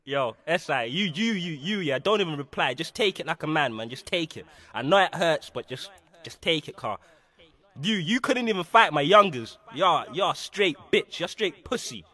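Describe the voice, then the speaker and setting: A man, loudly mocking rivals in a diss skit with stammering repeats. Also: on the high side, expressive, moderate pace. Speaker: rapper.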